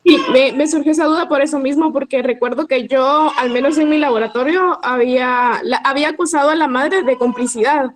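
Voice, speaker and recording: A woman's voice: high-pitched, fairly even intonation, brisk, few pauses, crowd noise, low-quality recording. A woman law student asking a question in class, hesitant, with many restarts and self-corrections.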